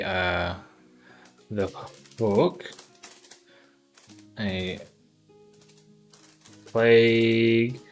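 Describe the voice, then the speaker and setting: Male streamer, unhurried and low, muses aloud with frequent pauses over quiet music. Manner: hesitant, thinking aloud with many ums. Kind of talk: casual livestream brainstorming.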